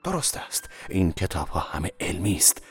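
A man reading an audiobook, voicing a brash, bigoted wealthy man who speaks forcefully and insistently. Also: low-pitched, sing-song, husky, faint music behind, exaggerated voice.

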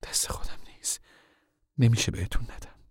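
A man voicing a tired, worried mother of a poor family in soft, hushed tones. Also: dry recording, in a whisper, clean studio sound, natural voice. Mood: apologetic.

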